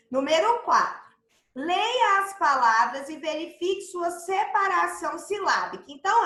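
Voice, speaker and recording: A woman's voice: high voice, bright, forceful tone. A woman teacher with a Brazilian Portuguese accent, patiently explaining a workbook exercise to young children in an online class and checking that they follow. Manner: refers to herself as "tia" to the kids. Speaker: primary school teacher. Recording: echoey room.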